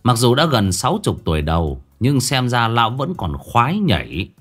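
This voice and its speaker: A male storyteller narrates a ghost story in a casual, vivid style, tossing in crude asides. His pitch moves a lot through the telling, over a faint music bed. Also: very animated, moderate pace, fairly bright tone.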